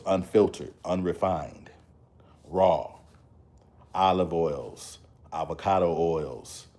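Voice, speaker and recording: Low-voiced man, emphatic motivational vlogger, repeats himself for effect. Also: warm tone. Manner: preachy, repetitive, emphatic. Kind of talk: casual motivational talk to camera.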